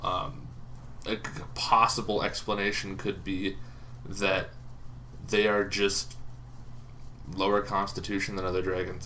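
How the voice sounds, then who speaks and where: A young man who hosts tabletop game videos gives a relaxed, casual explainer on game lore, rambling and full of ums and restarts. His voice is lowish, with a crisp, forward tone. A faint hiss lies beneath the recording.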